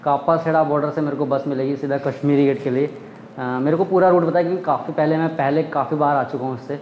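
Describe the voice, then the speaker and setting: This young man from India vlogs his travels, talking chattily to camera with his hands moving, his slightly high voice steady in tone and quick in pace. The lo-fi, echoey sound comes from a phone camera at arm's length, recorded on a busy roadside in summer heat and in a small room at home, with loud street noise and traffic.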